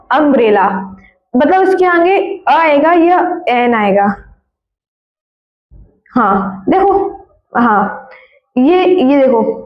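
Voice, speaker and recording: A woman teacher giving a classroom grammar lesson. She repeats words often and keeps asking her students questions. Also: sits high. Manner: corrects her own slips with quick apologies. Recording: echoey room, dull lo-fi sound.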